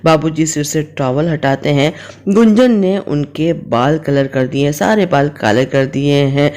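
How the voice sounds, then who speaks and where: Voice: medium pitch, measured pace, darkish tone. A vlogger recapping a television serial episode, retelling scenes and reading out the dialogue.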